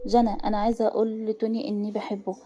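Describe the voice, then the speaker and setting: A woman's voice: mid-range voice, little pitch movement, fast talker, mellow, natural voice. A woman with an Egyptian accent voicing an anxious young woman in love. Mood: worried. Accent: Egyptian Arabic.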